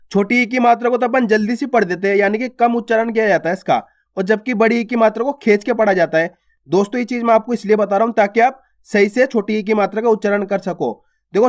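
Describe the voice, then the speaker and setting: A man teaching a beginner's reading lesson online, spelling words out syllable by syllable with encouraging, reassuring asides. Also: extremely high pitch. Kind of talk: classroom-style online lesson.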